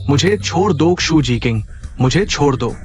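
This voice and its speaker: A man's voice: on the high side, lively intonation, a little slow, soft background music. An actor in a dubbed short drama playing an arrogant young male student who boasts and schemes. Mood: begging.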